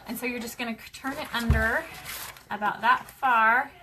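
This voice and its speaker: A woman hosting a casual sewing tutorial at home, talking fast and chatty with lots of fillers. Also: a little high, steady tone. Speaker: craft show host demonstrating sewing. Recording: clear background noise with clicks.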